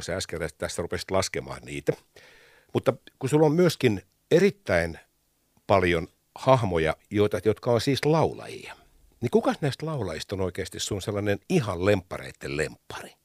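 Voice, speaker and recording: A man interviewing a guest, asking questions in a playful, lively way. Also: on the low side, no echo, clean studio sound.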